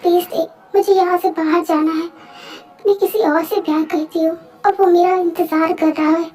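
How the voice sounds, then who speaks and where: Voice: extremely high pitch, little pitch movement, moderate pace, darkish tone, soft background music. A dubber voicing a crying young bride who begs for help in a fan dub. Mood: desperate. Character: young woman bride, tearful and desperate.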